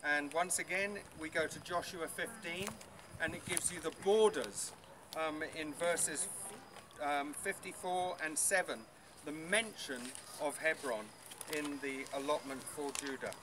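Speaking a little slowly in a fairly high voice, a middle-aged man takes a group around outdoors, chatty, um-heavy, and quizzing the people with him. The setting is beside an old stone wall, and a far camera yields a noisy recording.

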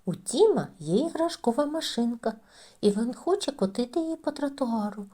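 Animated woman telling a children's tale. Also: a little high, moderate pace. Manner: expressive, animated storytelling. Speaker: storyteller. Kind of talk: children's fairy tale narration.

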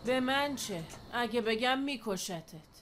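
A woman's voice: a little high, animated, noisy background, lightly acted. A woman dubbing a drunk, defiant young wife who taunts with slurred repetition, in a dubbed film. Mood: taunting. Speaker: dub actor.

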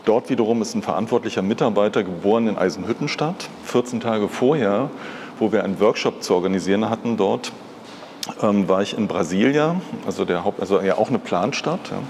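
An interview guest at a live talk, this art patron in his fifties from East Germany tells reflective personal stories in a conversational manner. He has a lowish, slightly mellow voice and talks a little fast. The large glass-fronted hall gives the recording a reverberant sound, with slight background noise.

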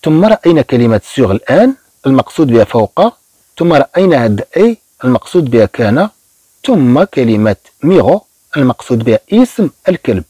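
Man with Moroccan Arabic accent, beginner French lesson, slow patient repetition, lively pitch, husky mellow tone. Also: dry recording, low-quality recording. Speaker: French teacher.

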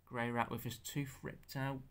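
Young guy showing his stop motion figures, kinda stammery and self-conscious, swears a bit, bright voice. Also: mid-range voice, little pitch movement, a little slow. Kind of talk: casual show-and-tell.

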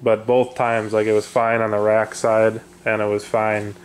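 A man casually chatting about his off-road gear, relaxed and rambling with lots of fillers. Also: lowish voice, normal speed. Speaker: off-road video host. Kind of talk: casual garage chat. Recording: echoey room with faint noise.

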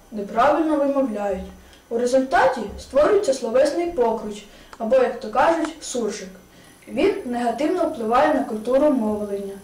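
A woman reads a prepared explanation in a measured way at a school event. Her voice is higher than usual. She is far from the mic in a roomy, echoing hall. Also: a little mellow. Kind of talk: scripted recitation at a school event. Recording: echoey hall, distant mic.

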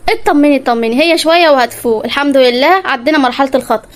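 A voice actor playing a calm, reassuring doctor in an Egyptian cartoon. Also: high-pitched, very fast, close to an everyday voice. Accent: Egyptian Arabic.

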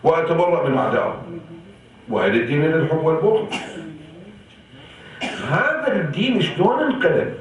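Impassioned preacher, Iraqi Arabic, echoey hall. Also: male voice, fairly high pitch, lively intonation, fairly quick, pauses often, recorded from a distance, dull audio. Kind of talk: sermon. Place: large hall of an Islamic center.

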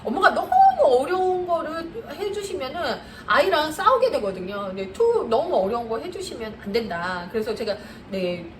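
Middle aged woman tutor talking to moms, high bouncy voice, kinda far from the mic, echoey room. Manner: animated, emphatic, laughs often. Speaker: math tutor coaching parents. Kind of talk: parenting lecture to mothers. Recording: echoey room, mic at a distance, faint noise.

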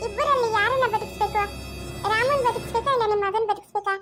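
A woman's voice: extremely high pitch, fast, loud music behind the voice. A woman with a rural Karnataka accent voicing a male village priest in an amateur family drama, firm and questioning. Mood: probing. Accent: Karnataka rural Kannada. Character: stern consoling village priest, a man.

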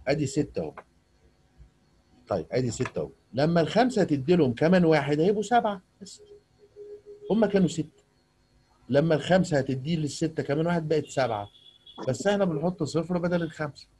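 Fast-talking husky Egyptian math teacher. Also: male voice, a little high, lively intonation, warm tone. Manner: patient, coaxing questions to a young pupil. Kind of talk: online tutoring lesson. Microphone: video call.

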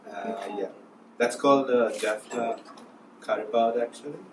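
A man's voice: medium pitch, moderate pace, background noise. Hesitant man, echoey room, far mic. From Sri Lanka. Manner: hesitant, many ums and uhs, lists ingredients. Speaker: cook showing a recipe. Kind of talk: casual cooking demonstration. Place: small indoor room, student kitchen.

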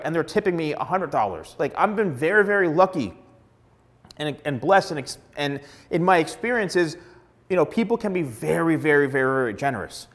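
A middle-aged man, a hairstylist, giving blunt, emphatic advice straight to camera on a lapel mic. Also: on the high side. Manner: emphatic, blunt, repeats words for stress. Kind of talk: direct-to-camera advice vlog. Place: plain studio backdrop indoors.

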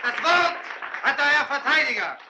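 An actor playing a hard underworld boss who condemns the accused, cold and then shouting, in a 1930s film. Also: male voice, extremely high pitch, very animated, normal speed, gravelly, a crowd in the background, background noise, exaggerated voice. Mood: sharp. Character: ruthless male underworld boss acting as accuser.

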